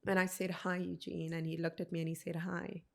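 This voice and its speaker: A woman in her thirties from South Africa, a podcast guest telling a personal story in an earnest, measured way, quoting what people said. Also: on the low side, little pitch movement, vocal fry. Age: 30s.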